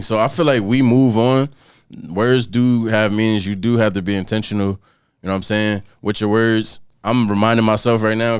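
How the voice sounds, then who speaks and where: A man's voice: mid-range voice, clean tone, no echo, studio quality. A young man chatting casually on a podcast, laid-back and full of slang, often asking "you feel me". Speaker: podcast host. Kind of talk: casual chat.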